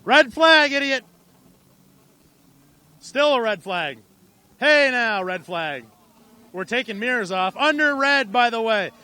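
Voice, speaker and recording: A man calling a live race outdoors at an amateur track, irreverent and profane, getting excited as the action builds. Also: very high-pitched, slow pace, pauses often, smooth, no room sound. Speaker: race announcer.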